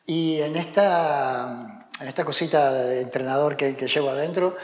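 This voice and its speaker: A middle-aged Argentine tennis coach speaks at a medium pitch and measured pace, with an Argentine Spanish accent. He answers interview questions hesitantly, full of fillers and restarts, but grows emphatic. The room is echoey with long reverb.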